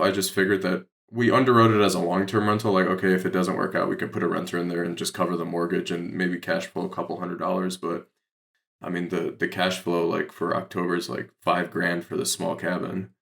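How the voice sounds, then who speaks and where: This Detroit, Michigan man, an American real estate investor, speaks briskly as a podcast guest in a low, steady, creaky voice with a fairly bright tone. He explains casually and rambles, sprinkling his talk with fillers and leaning hard on "like."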